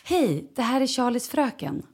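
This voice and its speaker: A woman, co-hosting a podcast and telling a story in a lively, casual way while acting out the voices of the people in it. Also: high-pitched, breathy edge. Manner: animated storytelling, acts out quoted voices. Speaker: podcast co-host. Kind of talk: casual chat.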